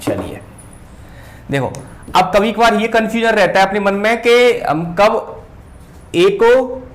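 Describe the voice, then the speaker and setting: A male teacher giving a whiteboard grammar lesson, pausing and repeating words as he writes. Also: sits high, very animated. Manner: slow, repeats words while writing, often says "ठीक है".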